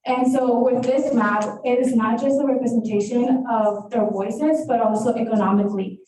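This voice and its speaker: A woman offering earnest, slightly halting testimony at a public meeting. Her voice is somewhat high and sounds distant from the microphone. Heavy room echo and faint noise surround her. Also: steady tone, dark tone. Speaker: member of the public giving comment. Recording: very echoey hall, voice far from mic.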